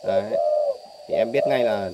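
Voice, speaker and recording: A man who breeds doves gives a casual, chatty tour of his cages while filming on a phone, filling pauses with short tags. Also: mid-range voice. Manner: chatty, repeats "đấy" between points. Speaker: dove breeder selling birds. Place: bird aviary with cages. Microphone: phone held while filming. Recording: loud bird noise on phone audio. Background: doves cooing loudly.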